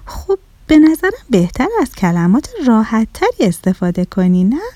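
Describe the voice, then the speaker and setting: A woman voicing a patient adult listener in a children's story, asking calm, drawn-out questions. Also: a little high, no echo. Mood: curious.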